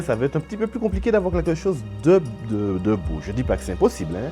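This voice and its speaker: Lively, mellow-voiced man explaining casually. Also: a little high. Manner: chatty, informal, addresses viewer directly. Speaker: video creator teaching camera settings. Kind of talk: casual tutorial.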